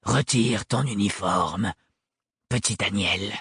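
A man doing a husky, sadistic storybook villain who savours every taunt, stretching words out slowly. The sound is dry and close, with no room around it. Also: fairly low pitch, fairly bright tone, dry recording, voice pushed down, exaggerated voice. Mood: menacing. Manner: slow, drawn-out taunting, English words slipped in. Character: cruel mocking man, menacing and sadistic. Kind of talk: audiobook character voice.

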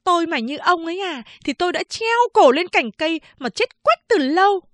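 A woman's voice: very high-pitched, animated, moderate pace, no room sound, pitched above the performer's own voice. A woman voicing a scornful young woman who mocks with cutting insults, in an audiobook. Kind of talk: audiobook character voice.

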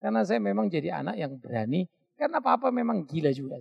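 A middle-aged male pastor, preaching a sermon in a lively storytelling way, mimicking voices and laughing at his own stories. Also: high voice, fast talker, creaky, breathy edge, lo-fi sound.

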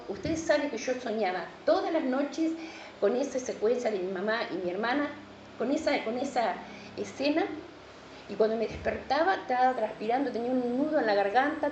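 A woman's voice: on the high side, slight background noise. A middle-aged woman pastor with a Rioplatense Spanish accent, preaching a sermon and telling a personal testimony, repeating words and often saying amen. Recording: echoey hall, dull lo-fi sound.

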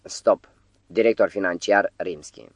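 Audiobook role: man voicing a harried administrator, deep and dry. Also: steady tone, no room sound. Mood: flustered. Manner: dictating deliberately, muttering. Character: flustered male theatre administrator on the phone.

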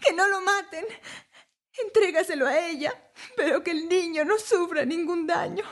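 A woman voicing a desperate young mother who pleads before a king, shrill and tearful. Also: moderate pace, a little mellow.

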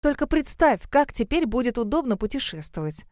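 An eager, impulsive young heroine who speaks with cheerful enthusiasm, read by a woman in an audiobook. The voice is smooth and clear. It is recorded dry and close. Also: mid-range voice, big pitch swings, a little fast, a little mellow, no room sound, close to an everyday voice.

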